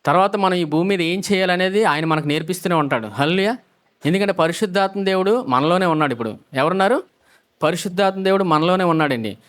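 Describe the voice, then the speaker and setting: A man's voice: high-pitched, fast talker, fairly bright tone. A male pastor preaching a sermon, asking the congregation questions and repeating the key phrases back.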